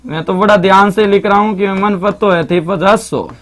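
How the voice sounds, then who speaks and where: Male tutor, Marwari accent, high voice, live online class, keeps telling students to watch out. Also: fairly even intonation, normal speed, a bit bright. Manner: repetitive, chatty, keeps urging students to pay attention. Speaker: teacher. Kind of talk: live online grammar lesson.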